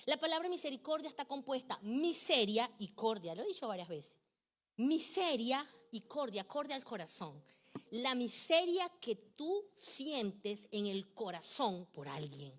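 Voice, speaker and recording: A middle-aged woman pastor preaching a sermon with passion, moving from hushed phrases up to near shouting. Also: sits high.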